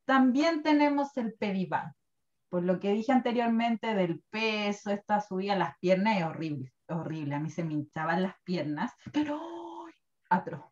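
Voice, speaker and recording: A woman's voice: medium pitch, animated, normal speed, a little mellow. A chatty woman in her thirties with a Chilean Spanish accent and a mid-range voice. She talks casually and with feeling, and laughs often. The recording sounds muffled and lo-fi. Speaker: guest presenting wellness products. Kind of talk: casual chat. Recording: dull lo-fi recording.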